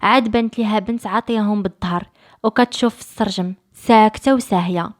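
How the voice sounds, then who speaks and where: A woman with a Moroccan accent narrating a dramatic story. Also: medium pitch. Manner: lively, fast storytelling.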